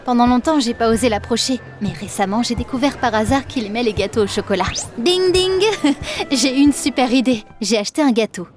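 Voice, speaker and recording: A woman narrating an animated first-person story in a lively, expressive, dramatic manner. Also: on the high side, quick pace, few pauses, faint music behind.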